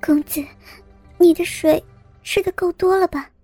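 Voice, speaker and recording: A bashful young maidservant with a very high, pleading voice, acted by a woman narrator. She stammers and begs in soft, shy phrases, pitched well above the reader's own voice. Faint music sits under the story. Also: fairly even intonation, measured pace, dry recording. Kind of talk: storybook role-play.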